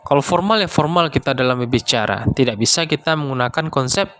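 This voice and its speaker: A man giving a relaxed lecture, explaining step by step and filling pauses with little words. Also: mid-range voice. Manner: explains with many fillers like "nah" and "ya". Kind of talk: casual lecture.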